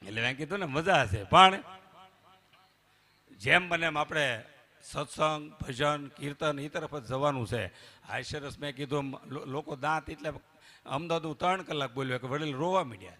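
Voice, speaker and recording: A bright, forceful man performs live stage comedy. His voice sits a little high, and he tells one joke after another, jumping from loud punchlines to quiet asides. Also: moderate pace. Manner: animated, jokey, swings from loud to hushed. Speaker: folk comedian and storyteller. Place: live stage before a temple audience.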